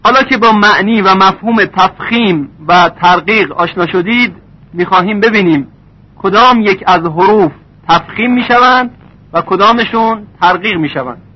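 A man teaching recitation rules in a lesson, stretching out example words slowly. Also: high-pitched, slightly rough. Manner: slow drawn-out example words. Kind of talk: tajweed lesson. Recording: dull lo-fi recording.

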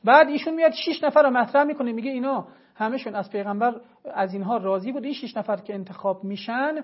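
Religious scholar type, man, argues hard and emphatically; muffled, low-fidelity broadcast sound. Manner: emphatic, argumentative, cites sources. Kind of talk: televised religious lecture.

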